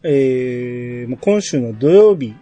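A man's voice: medium pitch, lively intonation, slow, warm tone, no room sound, faint music behind. A man chatting casually as the host of a podcast. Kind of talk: casual chat.

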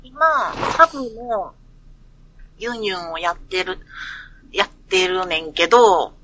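Giggly woman, bright and lively. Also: on the low side, slow pace, highs cut off. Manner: laughs often, hesitant and giggly. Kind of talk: casual chat about a video game.

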